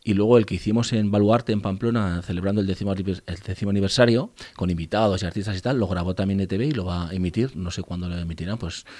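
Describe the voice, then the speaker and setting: A man's voice: deep voice, fast, hardly any pauses, dark tone, no echo. A man, a band musician talking in a radio interview, rambling with many restarts.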